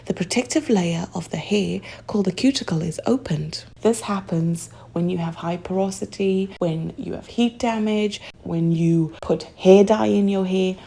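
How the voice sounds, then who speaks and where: A young adult woman from Zimbabwe chatting through a hair product review, reading the label claims aloud and slipping into soft asides. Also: medium pitch, moderate pace, creaky, hardly any pauses. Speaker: hair care vlogger.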